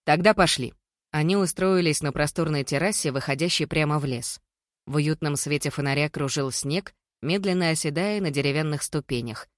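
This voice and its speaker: An audiobook narrator reading a novel in an even, measured way. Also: medium pitch, dry recording, studio quality. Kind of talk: scripted narration.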